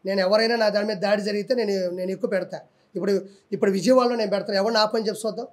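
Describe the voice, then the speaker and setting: High-voiced guy in an interview, fired up and challenging everyone. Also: steady tone, racing. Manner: combative, defiant, challenging. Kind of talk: heated political interview.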